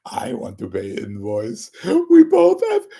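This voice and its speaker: A pushy, goofy car salesman with a put-on Indian accent, as a man puts him on. He talks slowly in a singsong voice that leaps into high squeals. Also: huge pitch swings, creaky, warm tone, breathy edge, exaggerated voice.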